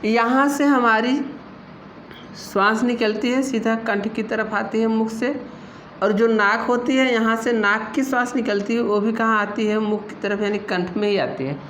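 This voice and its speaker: A woman teaching an exam-prep Hindi lesson, explaining slowly and patiently and asking her students questions as she goes. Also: fairly high pitch, fairly even intonation, a bit bright. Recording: echoey room with faint noise.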